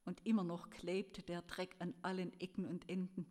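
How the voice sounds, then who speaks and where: A woman giving a sermon in an earnest, gentle storytelling way, her voice rising and falling as she tells a story. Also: lowish voice, little pitch movement, moderate pace. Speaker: preacher.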